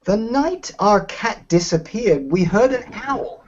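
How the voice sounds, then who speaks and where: A man's voice: high-pitched, lively intonation, slow, heavily acted. A man from England reading a worried husband whose cat has gone missing, in an earnest, plaintive way, for a children's play. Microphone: video call. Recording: dull lo-fi video call audio.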